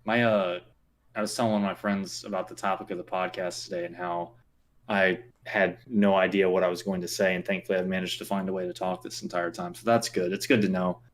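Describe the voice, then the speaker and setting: A man's voice: deep voice, level tone, fairly quick. A young man co-hosting a podcast, chatting casually and rambling with lots of fillers. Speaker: podcast co-host. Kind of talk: casual chat.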